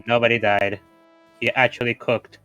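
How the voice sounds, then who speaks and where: Male tabletop player, bright and dry, casual halting delivery, music underneath. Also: mid-range voice, little pitch movement, smooth, no room sound. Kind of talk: casual role-play chat. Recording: background music.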